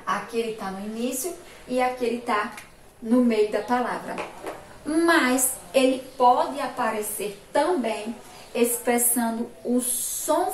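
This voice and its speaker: A woman from Brazil teaching a phonics lesson to young children, speaking slowly and emphatically, repeating sounds and words. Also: on the high side. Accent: Brazilian Portuguese, Sergipe. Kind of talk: remote school phonics lesson. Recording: echoey room, distant mic, faint noise.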